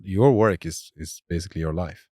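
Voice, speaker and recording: A man's voice: sits low, moderate pace, darkish tone, no echo, clean studio sound. A man in his thirties from Syria, a startup founder chatting in an interview, hesitant with many restarts and fillers, laughing easily. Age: 30s. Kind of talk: casual interview chat.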